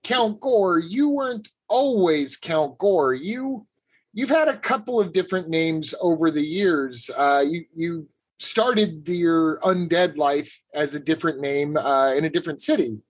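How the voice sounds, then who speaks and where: A man co-hosts a podcast and asks his guest questions in a relaxed, easygoing way. He pauses on fillers as he works out his phrasing. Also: a little high. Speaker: podcast co-host. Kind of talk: casual interview questions.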